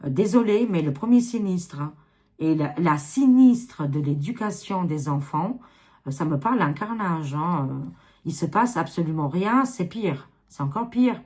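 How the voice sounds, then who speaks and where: A woman's voice: on the low side, animated, a little slow, darkish tone. A woman with an Albanian accent reading tarot cards to camera in a rambling, casual way, dropping many fillers. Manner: rambling, filler-heavy, repeats 'hein'. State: tired. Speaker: tarot reader.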